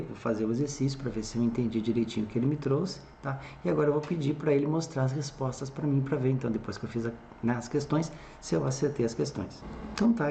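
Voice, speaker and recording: A man teaching through a screen-recorded tutorial, walking through each step and pausing to check the listener is following. His voice is dark and mellow. The sound is roomy and echoey, with a faint hiss underneath. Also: mid-range voice, creaky. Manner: explains step by step with frequent "tá?" check-ins. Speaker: English teacher. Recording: echoey room with faint background noise.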